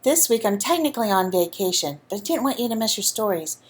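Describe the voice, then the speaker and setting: A woman reading a picture book aloud to children in an animated, friendly way. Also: medium pitch, quick pace. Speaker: storyteller for children.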